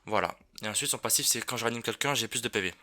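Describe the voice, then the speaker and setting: A man's voice: mid-range voice, racing, sharp tone. A man giving casual, rambling commentary over his own gameplay, with many fillers and restarts. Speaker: gaming YouTuber.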